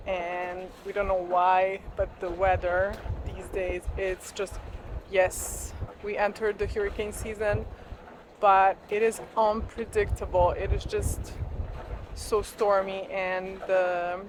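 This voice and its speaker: A woman in her thirties with a continental European accent, chatting casually for a sailing vlog. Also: medium pitch. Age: 30s. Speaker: sailing vlogger. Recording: noisy on-board boat recording.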